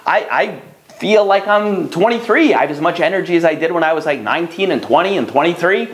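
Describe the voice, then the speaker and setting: This is a man in his thirties, a rabbi and matchmaker, speaking straight to the camera. His voice sits a bit high and is very animated, with big swings in pitch as he talks. He often slips into the lines of the people who call him. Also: brisk. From United States. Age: 30s. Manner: animated, conversational, acts out callers' lines. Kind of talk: direct-to-camera advice talk.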